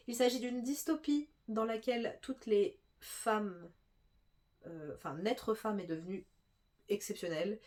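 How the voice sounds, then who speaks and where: A woman's voice: medium pitch, darkish tone. Young female booktuber, stuffy nose, casual filler-heavy chat. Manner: chatty, many fillers and restarts. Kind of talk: casual book haul chat.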